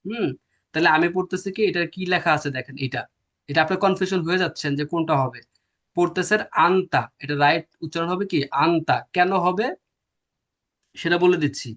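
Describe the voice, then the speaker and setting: A man's voice: a little high, fairly quick, a bit bright. A man teaching a classroom lecture, explaining step by step and answering his own questions. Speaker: language teacher.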